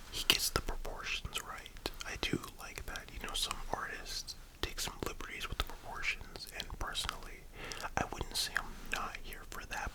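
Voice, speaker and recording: An ASMR host speaking in a breathy library whisper, rambling casually and giving opinions. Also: poor audio.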